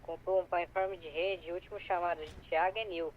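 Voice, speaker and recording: Cop on police radio, slightly high voice, muffled lo-fi, quick coded reports. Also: male voice, steady tone. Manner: short radio reports in codes. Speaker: police officer in a game roleplay. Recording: dull lo-fi radio voice with faint noise.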